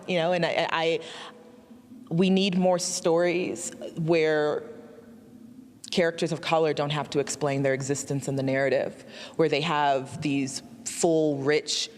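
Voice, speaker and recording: Speaking in a deep voice inside a large hall, a film director in her thirties, Nigerian-born and Alaska-raised, responds to interview questions. She is earnest and reflective, and she often laughs softly.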